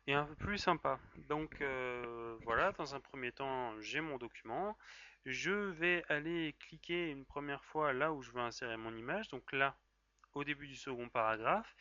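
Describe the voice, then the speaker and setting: A man with a French accent walks through a software task in a casual screen-recorded tutorial. His voice is bright and forward, and his delivery is chatty and joking, with plenty of fillers and self-corrections. The recording is dry and slightly dull, like a basic desk-mic voice-over. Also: medium pitch, no echo.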